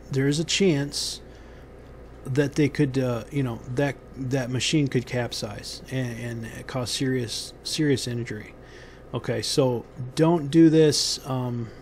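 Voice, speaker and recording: A man giving unscripted how-to instructions on a building site outdoors, pausing often with ums and restarting his sentences. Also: medium pitch, a little mellow, slight background noise. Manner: halting, many ums and restarts.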